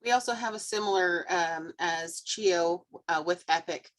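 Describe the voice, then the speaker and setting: A woman's voice: on the low side, measured pace, a little hiss or hum. A woman hospital clinician on a panel, explaining things in a plain, practical way. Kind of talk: panel discussion answer.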